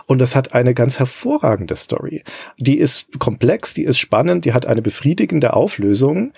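A man hosting a podcast, making a measured, thoughtful argument in a discussion. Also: medium pitch, sing-song, vocal fry, a little mellow, breathy edge, dry recording. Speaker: podcast host.

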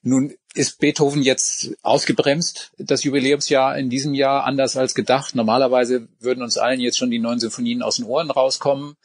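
Male interviewer, husky voice, measured questions, dry recording. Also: medium pitch, flat delivery, no echo. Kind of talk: interview conversation.

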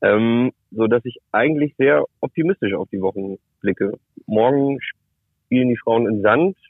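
A man speaking over the phone from his car, a reporter giving a relaxed, matter-of-fact take in casual chat. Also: medium pitch, normal speed, husky, dry recording. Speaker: reporter and club expert. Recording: tinny dry phone line.

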